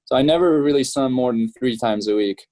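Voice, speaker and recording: Speaking a little fast, this young professional triathlete from France chats easily as an interview guest, laughing readily and using many fillers. His pitch is ordinary and mid-range. Captured close and dry, the audio has no surrounding room sound.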